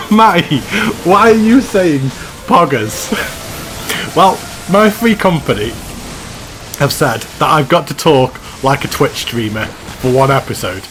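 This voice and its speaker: A man's voice: a little high, expressive, takes it slowly, pauses often, a bit bright, poor audio. A man hosting a gaming channel, giving a chatty, self-mocking commentary voice-over and laughing at himself. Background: background music.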